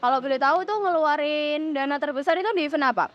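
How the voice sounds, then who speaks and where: A teenage girl hosts a student podcast, running a casual interview in chatty, slangy speech and talking to viewers. Her voice sits high and she speaks fast. The lo-fi audio sounds dull, with a little hiss or hum.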